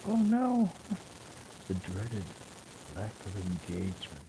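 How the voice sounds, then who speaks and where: A man in his seventies, chatting calmly and rambling on a live stream, his voice fuzzed by distortion from a cheap headset mic. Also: lowish voice, takes it slowly, noisy background. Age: 70s. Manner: calm, musing. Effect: fuzzy audio distortion from a cheap headset mic. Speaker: livestreamer.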